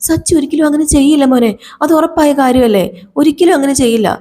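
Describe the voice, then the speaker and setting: A woman's voice: sits high, quick pace, dark tone, voice pushed up, natural voice. A woman voicing an earnest middle-aged mother in a TV serial who pleads her son's innocence. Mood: pleading.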